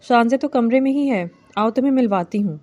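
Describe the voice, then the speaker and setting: Older village mother read by a woman, affectionate, resigned, warm tone, storybook reading. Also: a little high, lo-fi sound, lightly acted. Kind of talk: novel reading.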